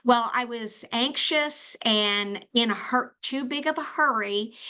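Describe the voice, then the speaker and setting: Bright-voiced woman podcast host. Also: fairly high pitch. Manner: chatty storytelling with fillers and restarts. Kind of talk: solo podcast monologue.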